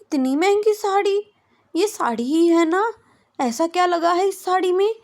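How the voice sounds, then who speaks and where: A woman's voice: high-pitched, a little slow, darkish tone, voice pushed up. A woman voicing a bubbly, cheeky young woman who talks in a chirpy, playful, exclaiming way. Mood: indignant.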